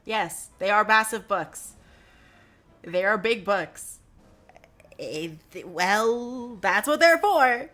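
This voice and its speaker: A woman's voice: mid-range voice, lively intonation, slow, long pauses, a bit bright, soft background music. A woman in her twenties chatting casually on a live stream while gaming, rambling with lots of fillers and offhand swearing. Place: her dorm room.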